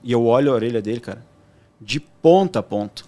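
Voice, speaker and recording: A man's voice: medium pitch, brisk. A young man with a southern Brazilian accent, a podcast guest telling a story casually and acting out the voices of the people in it. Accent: southern Brazilian, Rio Grande do Sul. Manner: animated storyteller acting out quoted dialogue.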